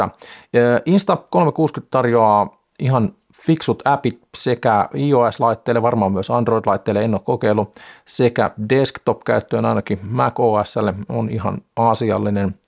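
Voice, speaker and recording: A middle-aged man talking to the camera from a small home studio, reviewing a camera in a calm, unhurried way with frequent hesitant fillers. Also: mid-range voice, creaky. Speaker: sailing channel host.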